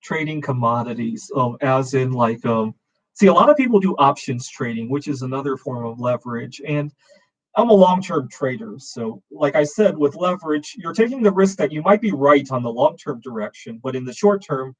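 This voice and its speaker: A man's voice: mid-range voice, lively intonation, normal speed, lo-fi sound. A man in his forties hosting a casual open-camera chat, rambling with many fillers and restarts. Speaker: show host.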